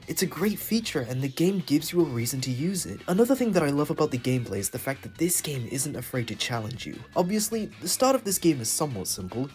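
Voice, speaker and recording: Young male host, raspy and hoarse from illness, slightly higher pitch, animated opinionated narration, faint music behind. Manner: enthusiastic, opinionated. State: sick, hoarse. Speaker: gaming video host. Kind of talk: scripted video essay narration.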